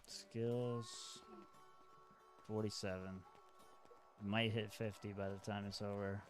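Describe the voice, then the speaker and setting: A game streamer, a man, reading notes aloud and thinking out loud in casual commentary. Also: fairly low pitch, little pitch movement, takes it slowly, soft background music.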